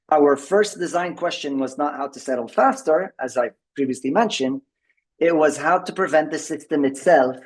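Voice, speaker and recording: A man with a mid-range voice, heard through a low-quality recording, delivers a tech presentation at a members' meeting on a video call. The conference talk is packed with fillers and restarts.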